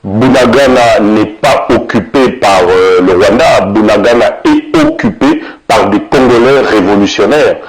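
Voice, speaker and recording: A man speaking in a played video clip, explaining slowly like a lecture. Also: lowish voice, big pitch swings, low-quality recording.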